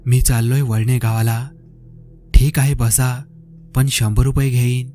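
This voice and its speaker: A man doing a curt, gruff jeep driver. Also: medium pitch, little pitch movement, measured pace, mellow, faint music behind, lightly acted. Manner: terse, barks when alarmed.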